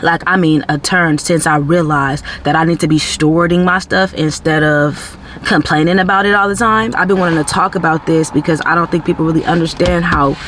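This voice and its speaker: A man speaks to his viewers in an earnest, sermon-tinged vlog about self-improvement. His voice sits a little high for a man, and he talks in a loose, conversational way, leaning on "like" and "you know". A faint hiss of background noise runs under the talk. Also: fairly bright tone. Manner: earnest, preachy, heavy on "like" and "you know", faith-based. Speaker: self-growth vlogger. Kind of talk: casual motivational talk to camera.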